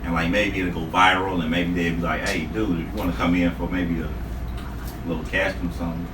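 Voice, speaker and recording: A man's voice: low-pitched, flat delivery, fairly quick. A man in his late thirties, a podcast co-host joking and teasing in casual, profane chat. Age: 30s. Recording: echoey room from a distant mic, noisy.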